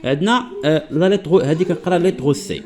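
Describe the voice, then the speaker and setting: A man with a Moroccan Arabic accent teaching French pronunciation. He explains patiently, often checks that listeners follow, and says example words slowly. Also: a little high, crowd noise. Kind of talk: classroom-style lesson explanation.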